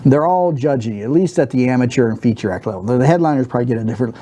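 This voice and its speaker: A man with a dark, monotone, mid-range voice talks rapid-fire to camera, unscripted, teaching the basics of stand-up. He rambles with many fillers and restarts. He sits at a desk on a studio set with a wooden backdrop.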